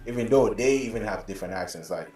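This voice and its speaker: A man's voice: fairly low pitch, quick pace, a little mellow, echoey room, distant mic, faint music behind. A man from Africa talking emphatically in a casual group discussion.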